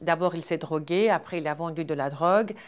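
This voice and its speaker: Interview guest: middle-aged woman from Iran, lowish voice, earnest and measured, hesitant. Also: clean tone. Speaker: charity founder and guest.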